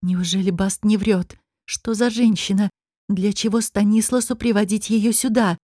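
Woman doing a hot tempered young mage girl, snappy and indignant, mellow dry audiobook read. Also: mid-range voice, steady tone, normal speed, no echo, close to an everyday voice. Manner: indignant, sharp retorts. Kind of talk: audiobook character reading.

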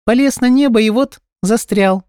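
A man voicing an excitable female squirrel in an audiobook, calling out in a shrill voice. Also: normal speed, clean tone, dry recording, studio quality. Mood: excited calling. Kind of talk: audiobook character voice.

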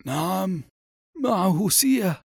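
A man's voice: high voice, expressive, takes it slowly, gravelly, slightly rough, no room sound, studio quality, pitched above the performer's own voice, full character voice. A man voicing a worried, stern old grandfather in an audiobook, speaking firmly. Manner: firm, anxious pleading.

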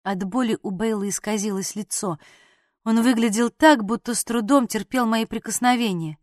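A woman narrating a novel in the first person, reading in a clear, expressive way. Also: on the high side, normal speed, no echo, studio quality. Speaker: audiobook narrator.

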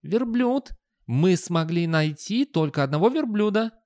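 A man voicing a skinny young male assistant, speaking in a high squeaky voice, calm and matter-of-fact. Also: a little slow, dry recording, clean studio sound. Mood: deadpan.

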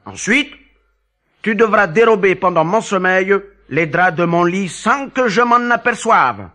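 An imperious count, played by a man, speaks in a forceful voice. He is stern and challenging, with lively storybook phrasing. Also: sits high, unhurried, pitched above the performer's own voice, exaggerated voice. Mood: scheming. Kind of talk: storybook dialogue.

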